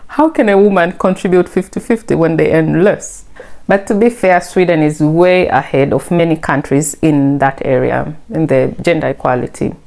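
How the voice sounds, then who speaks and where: This vlogger, a woman from Tanzania, delivers scripted narration with a friendly, chatty approach to explaining things. She has a low, creaky voice that leans dark.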